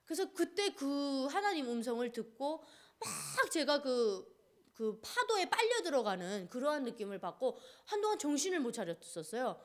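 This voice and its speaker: A woman from North Korea speaks in a high voice. She gives an earnest personal testimony and tells it vividly, with many fillers along the way. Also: very animated, normal speed.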